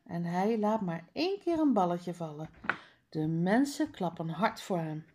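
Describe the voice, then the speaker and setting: A woman's voice: on the low side, sing-song, measured pace, darkish tone, a little hiss or hum. A woman reading a children's book aloud page by page, with careful word drills. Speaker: reader.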